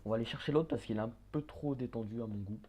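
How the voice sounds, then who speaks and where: A man giving casual gameplay commentary, chatting, swearing and muttering quick orders at the characters on screen. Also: medium pitch, dark tone, slightly rough. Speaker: let's play gamer.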